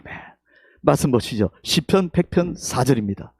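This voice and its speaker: A male pastor with a Gyeongsang accent preaching a Sunday sermon in a church, with emphatic calls that drop to hushed whispers, leading the congregation to repeat his words. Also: mid-range voice, expressive, normal speed, husky, dry recording, clean studio sound. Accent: Gyeongsang Korean. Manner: leads the congregation in call-and-response. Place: church sanctuary.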